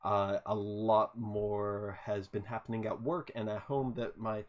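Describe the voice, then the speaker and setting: A man's voice: on the low side, level tone, unhurried. A man hosting a podcast interview on a video call, eager and stumbling over repeated words. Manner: enthusiastic, stammers and repeats words. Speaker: podcast host. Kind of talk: casual interview chat.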